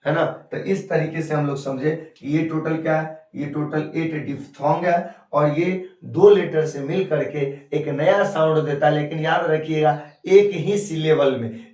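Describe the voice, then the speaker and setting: Man, teacher, classroom phonetics lesson, fairly high voice, roomy echo, mic at a distance. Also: a little mellow. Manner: drills words, asks and answers his own questions. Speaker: English teacher. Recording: echoey room, mic far off.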